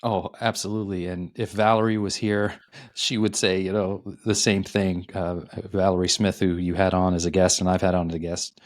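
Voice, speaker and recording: A male podcast guest with a low voice, recorded close and dry with no room sound. He explains his points earnestly, pausing often with small fillers. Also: little pitch movement, no room sound. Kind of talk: casual podcast conversation.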